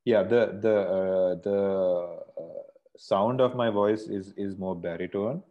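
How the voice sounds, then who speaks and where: A Sri Lankan singer talks as a guest on a video call, rambling casually and restarting often. His voice sits low and slow, and the earphone mic gives lo-fi sound from a bright indoor room.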